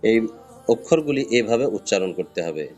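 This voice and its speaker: A man's voice: lowish voice, very animated, brisk, a little mellow, faint music behind. A man teaching a beginner's lesson on pronouncing Arabic letters, patiently explaining and drawing out each sound. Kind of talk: step-by-step pronunciation lesson.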